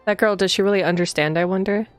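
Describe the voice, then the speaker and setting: A woman streams a visual novel, reading aloud and commenting casually in a playful, teasing way, with giggly asides to viewers over game music. She talks fast in a smooth, medium-pitched voice with fairly even intonation.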